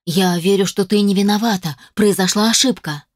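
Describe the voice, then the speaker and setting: A woman's voice: medium pitch, moderate pace, dry recording, studio quality, lightly acted. A woman reading the lines of a worried, protective adoptive father in an audiobook, anxious and urgent. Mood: reassuring.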